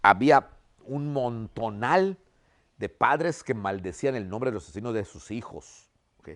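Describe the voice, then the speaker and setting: A man's voice: mid-range voice, expressive, unhurried, a bit bright. A man teaching a history class, telling the story and checking in with "ok?" after nearly every point. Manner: checks in constantly with "¿ok?", storytelling lecture. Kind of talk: lecture.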